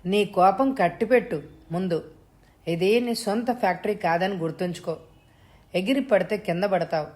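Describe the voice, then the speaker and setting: Calm, mocking male extortionist who threatens a mother by phone; a woman narrator voices him. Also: medium pitch, normal speed, natural voice. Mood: threatening. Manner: cold, threatening, mockingly polite. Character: menacing male kidnapper on the phone.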